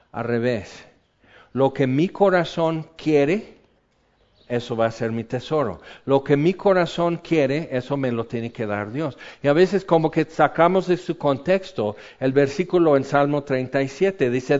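A middle-aged man preaching a sermon, animated and humorous, swinging between loud and quiet. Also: fairly high pitch. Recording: slightly dull lo-fi sound.

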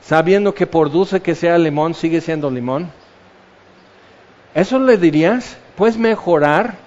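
A man's voice: on the high side, animated, unhurried, darkish tone, long reverb tail. A man preaching a sermon in a conversational way, acting out the quotes he uses. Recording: dull lo-fi sound.

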